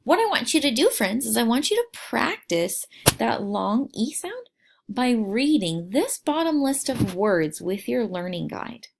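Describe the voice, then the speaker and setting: A woman teacher talks through a phonics lesson for young children at an unhurried pace. Her voice sits a little high and swings widely in pitch. She stretches out each sound of a word and praises warmly. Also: big pitch swings, a little hiss or hum. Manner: slow, clearly sounded-out words, encouraging.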